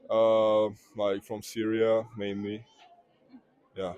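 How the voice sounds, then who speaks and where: A man's voice: on the low side, completely flat delivery, slow pace, smooth, lo-fi sound. A man from Turkey answering a street interviewer hesitantly with fillers. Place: city street outdoors.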